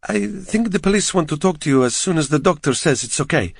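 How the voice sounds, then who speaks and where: A brisk, reassuring hospital nurse with an Eastern European accent, as a male audiobook reader voices her. The voice is pushed higher and kind. The recording is close and dry. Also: animated, creaky, slightly rough, no room sound, full character voice. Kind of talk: audiobook character voice.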